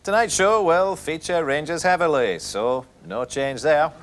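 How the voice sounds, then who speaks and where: A man's voice: on the high side, expressive, measured pace. A Scottish man presenting a mock sports show in a dry, mock-solemn way.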